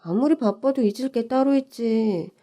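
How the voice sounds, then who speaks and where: A woman narrating a listener's submitted story in the first person, calm and scripted. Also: a little high, moderate pace.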